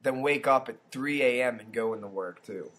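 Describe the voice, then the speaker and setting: A man's voice: medium pitch, moderate pace, a bit bright. A young man co-hosting a podcast, telling stories in a loose, rambling way full of fillers and restarts. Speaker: podcast co-host. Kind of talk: casual chat.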